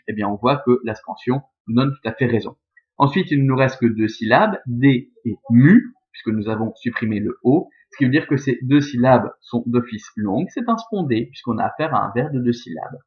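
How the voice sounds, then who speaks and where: A man's voice: mid-range voice, a little fast. A male teacher giving a recorded lesson on scanning Latin verse, working methodically step by step and often adding "hein" and "euh". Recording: dull, lo-fi sound.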